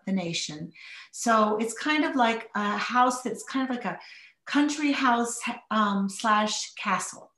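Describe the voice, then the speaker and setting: A woman guest telling stories from her childhood in a warm, reflective, conversational way. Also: fairly high pitch, roomy sound. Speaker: interview guest. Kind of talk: conversational storytelling.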